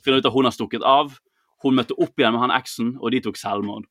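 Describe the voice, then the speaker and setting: A man co-hosting a podcast, retelling a film in a lively, casual way, acting out quotes and swearing freely. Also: medium pitch, no room sound, clean studio sound. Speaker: podcast co-host.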